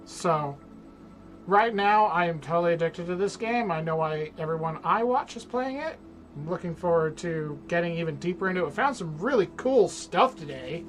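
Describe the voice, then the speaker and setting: A woman's voice: lowish voice, expressive, moderate pace, soft background music. A woman giving casual commentary as she streams a game.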